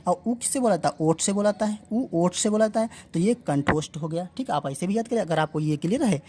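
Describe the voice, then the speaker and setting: A woman's voice: fairly low pitch, fast, darkish tone. A woman teaching an exam-prep lesson, drilling letter sounds aloud and asking questions she then answers herself. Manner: addresses viewers as friends.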